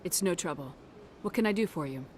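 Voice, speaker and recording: A woman's voice: fairly low pitch, expressive, a little hiss or hum, natural voice. A woman playing a firm, direct military commander in a video game, with an assertive manner. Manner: brisk, assertive.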